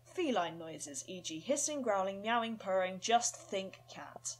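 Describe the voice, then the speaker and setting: A woman runs through casting notes in a loose, chatty way. She is quick to laugh at herself, and her voice sits at a middle pitch. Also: expressive. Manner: chatty, self-deprecating. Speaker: casting call director. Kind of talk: casual audition instructions.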